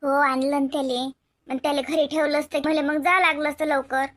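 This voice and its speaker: A woman voicing a caring adult sister in an animated comedy, chattering and fussing with a Varhadi Marathi accent. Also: sits high, normal speed.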